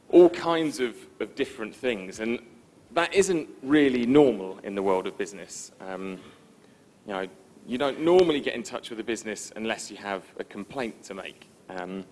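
A man giving a conference presentation in a relaxed, informal, self-deprecating way, with frequent ums. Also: mid-range voice, moderate pace. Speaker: conference speaker. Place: conference stage before an audience.

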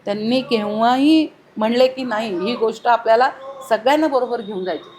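A woman's voice: fairly high pitch, brisk, darkish tone, a little hiss or hum. A middle-aged woman, a former mayor, giving earnest, emphatic interview answers full of long lists of detail.

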